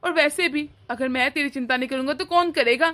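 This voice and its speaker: A woman's voice: high-pitched, fairly quick, sharp tone. A woman doing a protective cartoon brother. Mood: affectionate. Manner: firm, scolding yet affectionate. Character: caring protective older brother, young man. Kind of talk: animated cartoon voice acting.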